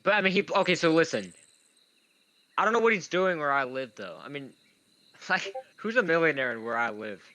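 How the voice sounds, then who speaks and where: Bright-voiced young man saying w for r. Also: on the high side, lively intonation, moderate pace. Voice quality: says w for r, speech impediment. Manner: informal, rambling, self-deprecating. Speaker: gamer commentating on own play. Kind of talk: casual live gaming commentary.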